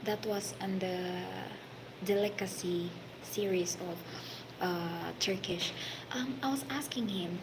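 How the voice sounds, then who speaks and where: A woman with a Filipino accent and a mid-range voice, a hospitality worker, tells a story slowly and without hurry, often pausing on fillers and at times dropping to a half-whisper. It's a casual recording with steady background noise clearly audible beneath her.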